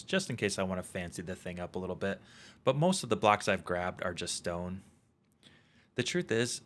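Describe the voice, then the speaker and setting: A man's voice: sits low, fairly bright tone, a little hiss or hum. A man giving casual gameplay commentary, chatty and self-mocking, with jokey asides to his viewers. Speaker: gaming YouTuber.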